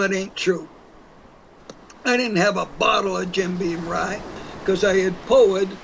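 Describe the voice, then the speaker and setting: For an audio play, a man voices a folksy, stubborn eighty-four-year-old whiskey drinker from New Hampshire, rambling through his tale in the first person in a rural New England dialect. His voice is high, and the poor audio carries a little hiss or hum.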